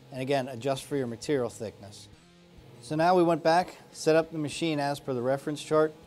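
A man's voice: on the high side, a little mellow. A man in his forties teaching a welding lesson, explaining each step in a plain, practical way in an indoor workshop. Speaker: welding instructor. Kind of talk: instructional demonstration. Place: indoor workshop garage studio.

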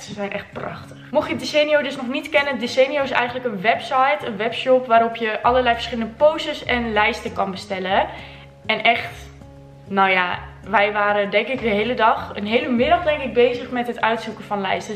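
A woman's voice: on the high side, a bit bright. A woman in her twenties chatting enthusiastically to viewers in a shopping vlog, recorded at home and then in a store. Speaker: vlogger. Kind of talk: casual shopping vlog chat. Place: home living room, then inside a store.

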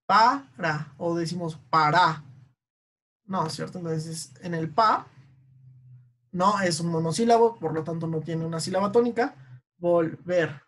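A Mexican woman with a fairly low-pitched voice teaches an online class on poetry meter. She explains slowly and patiently, frequently pausing to ask a quick "ok?"

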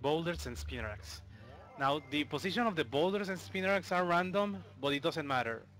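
A man from Mexico with a Mexican accent gives live commentary on a game speedrun, explaining as he plays in a loose, chatty way full of fillers. His voice is on the high side, animated and brisk, and a bit bright.

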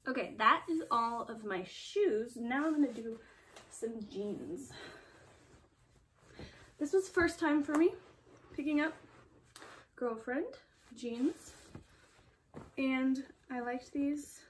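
A woman's voice: sits high, lively intonation, slow, pauses often, recorded from a distance, slight background noise. A young woman chatting casually through a thrift haul video, enthusiastic and full of fillers. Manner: chatty, filler-heavy, enthusiastic about finds. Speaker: thrift reseller vlogger.

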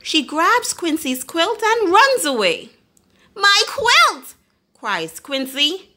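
A woman reading a children's story aloud in a teacherly way, pausing to ask her young listeners questions. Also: high-pitched, huge pitch swings, bright, forceful tone.

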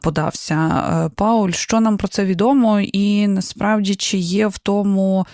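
A woman's voice: mid-range voice, steady tone, moderate pace, dark tone, dry recording. Inquisitive female radio host, dry studio. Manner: fluent, inquisitive questioning. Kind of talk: radio interview.

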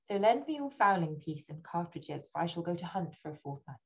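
A woman's voice: fairly low pitch, sing-song, brisk, dull audio. A woman voicing a lovesick, despairing young male officer with a pleading, mournful manner in a read-aloud gothic tale.

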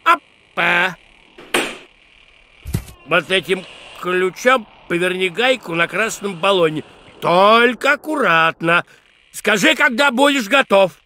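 A man playing a jovial, grateful geologist in an animated adventure game, in a theatrical, exclamatory way. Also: sits high, slow pace, pauses often, slight background noise, full character voice. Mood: friendly.

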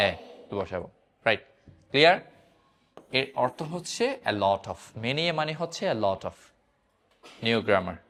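A man teaching an English grammar lesson, repeatedly asking his students questions and drilling the answers. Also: medium pitch. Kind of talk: classroom-style grammar lesson.

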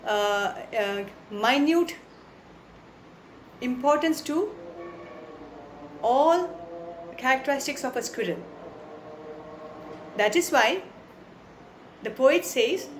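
Woman teacher, Indian English accent, high voice, patient and repetitive, quizzing the class; faint noise behind. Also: animated, takes it slowly, pauses often, reverberant. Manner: explains patiently, repeats lines, asks the class questions. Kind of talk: online class poem explanation.

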